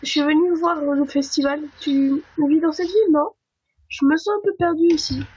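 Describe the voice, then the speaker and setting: A woman reading a cheerful young princess's lines aloud in a bright, eager way, during a video game playthrough. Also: high voice, fairly even intonation, moderate pace, natural voice. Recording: dull lo-fi with faint game music.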